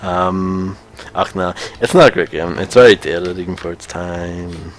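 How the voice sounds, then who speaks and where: Over video game music, a man co-hosting a game stream banters in a wry, easygoing way as he plays. His voice sits low, his tone is steady and his pace measured, with slight noise in the background.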